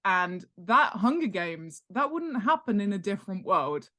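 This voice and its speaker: Very animated and forceful, the author and world-building expert explains her craft in a conversational interview, full of enthusiasm and emphasis, quick to laugh. She speaks in a bright, medium-pitched voice, a little slowly.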